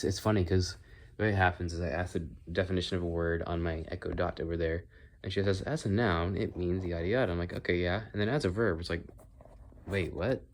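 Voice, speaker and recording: A man's voice: low-pitched, a little mellow. A man with whistling s sounds, rambling casually and thinking aloud as he goes from one aside to the next. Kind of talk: casual rambling solo monologue. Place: indoors in own room.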